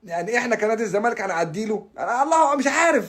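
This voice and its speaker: High-pitched, fast-talking Egyptian man. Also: sing-song, a bit bright, a little hiss or hum. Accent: Egyptian Arabic. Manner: stammering, exasperated, laughing between complaints. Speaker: football fan commentator. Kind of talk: frustrated casual rant.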